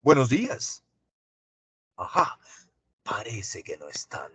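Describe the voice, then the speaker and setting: A man teaching an online class, asking students drawn-out questions. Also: lowish voice, wildly swooping pitch, fairly bright tone, breathy edge, dry recording.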